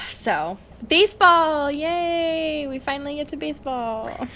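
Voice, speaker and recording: A young woman co-hosts a casual, chatty podcast about books, sounding wry and giggly, laughing often and using informal, slangy phrasing. Her voice sits high, with vocal fry and a sharp tone, and faint background noise can be heard.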